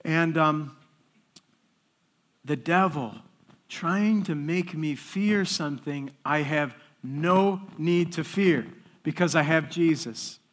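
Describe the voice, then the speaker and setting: A man speaking in a church, telling a testimony with lively storytelling and animated voices for the people in his tale. His voice sits a little high for a man, and he takes his time over every phrase. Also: slow pace.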